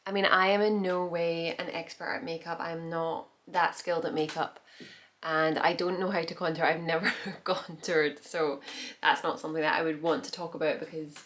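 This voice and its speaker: A woman in her thirties talks her viewers through her makeup routine at home, in a casual get-ready-with-me chat. She rambles easily, restarting sentences and slipping in soft laughs as she goes. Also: low-pitched, flat delivery, moderate pace. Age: 30s. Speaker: beauty vlogger.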